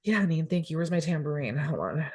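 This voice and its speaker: A woman's voice: low-pitched, expressive, fairly quick, dark tone, husky. A woman hosting a casual podcast, chatting playfully with her best friend and laughing often. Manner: giggly, playful. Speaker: podcast host.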